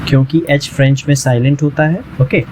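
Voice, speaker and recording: A man teaching a language lesson, patiently repeating each word slowly and often checking that the learner follows. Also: medium pitch, fairly even intonation, a little hiss or hum, rough recording. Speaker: French teacher. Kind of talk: language lesson explained in Hindi.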